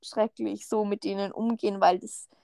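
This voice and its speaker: A woman's voice: medium pitch, level tone, moderate pace, gravelly, mellow, no room sound, clean studio sound. A young woman with an Austrian accent chatting casually as a podcast co-host, telling stories with many fillers and a note of indignation. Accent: Austrian German. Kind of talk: casual chat.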